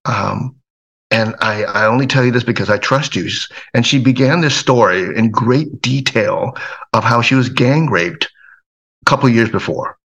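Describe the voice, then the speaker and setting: Relaxed middle-aged man telling his story. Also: mid-range voice, normal speed, breathy edge. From Hawaii. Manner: relaxed, rambling, with frequent fillers and chuckles. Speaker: guest, self-defense trainer. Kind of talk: casual storytelling.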